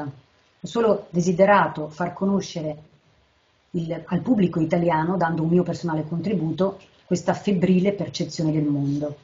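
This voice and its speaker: A woman with a lowish voice gives a careful, measured literary lecture and reads short poems aloud in an unhurried way. The recording sounds dull and lo-fi. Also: a little mellow. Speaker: translator presenting a poet. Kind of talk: literary lecture with poem readings.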